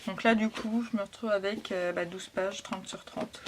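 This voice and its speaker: A woman hosting a casual scrapbooking haul, talking softly and hesitantly with frequent fillers. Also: medium pitch, steady tone, normal speed, very noisy. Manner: soft, hesitant, lots of fillers. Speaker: scrapbooking vlogger. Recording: packaging crinkles and clicks behind.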